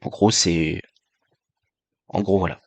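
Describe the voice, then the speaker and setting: A man's voice: deep voice, fairly even intonation, slow, vocal fry, darkish tone, dry recording. Hesitant man chatting to his stream. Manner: hesitant, many fillers and restarts; friendly, joking. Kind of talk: casual live-stream talk.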